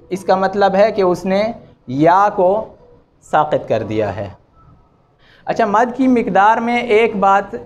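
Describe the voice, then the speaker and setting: A man teaching Quran recitation rules, chanting examples with long drawn-out vowels and correcting common mistakes. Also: sits high. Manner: draws out vowels and repeats examples slowly, then corrects. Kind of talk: slow, patient tajweed lesson with chanted examples.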